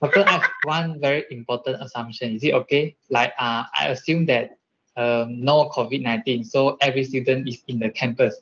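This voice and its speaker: Young male student, mid-pitched, hesitant questioning over a dull video-call line. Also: fairly even intonation, a little fast, fairly bright tone. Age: young adult. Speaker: university student. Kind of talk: asking questions in an online tutorial. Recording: muffled video call audio.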